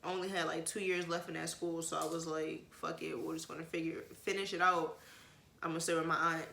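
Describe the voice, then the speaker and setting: A woman's voice: low-pitched, little pitch movement, a little fast, creaky, sharp tone, a little hiss or hum. A woman vlogger frankly telling an emotional personal story in casual talk, with plenty of swearing and rambling asides. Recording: roomy echo.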